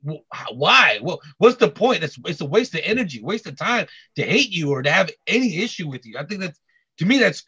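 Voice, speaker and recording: A man chatting casually on a podcast, halting with many restarts and repeated words. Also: on the high side, sing-song, bright, forceful tone, breathy edge. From Korean heritage. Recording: dull lo-fi audio.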